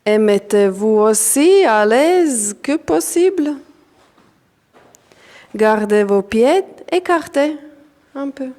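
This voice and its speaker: Speaking French with a non-native accent, a female instructor guides a yoga nidra meditation. Her voice sits on the high side, and she stays calm and deliberate, using short phrases separated by long pauses.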